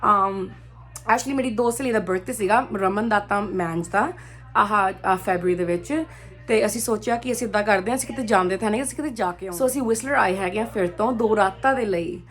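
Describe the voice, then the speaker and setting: Speaking fairly quickly in a mid-range, fairly bright voice, a woman vlogger who is an adult mother of children chats casually with her audience. She mixes English phrases into what she says.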